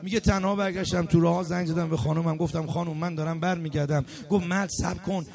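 Impassioned high-voiced male preacher. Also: steady tone, creaky. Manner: impassioned, storytelling, rising to shouts. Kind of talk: mourning sermon. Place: gathering hall.

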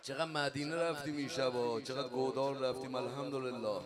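A man, a mourning eulogist who moves between quick spoken narration and loud sung lament, with music behind him. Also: mid-range voice, steady tone, a crowd in the background. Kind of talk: chanted mourning elegy.

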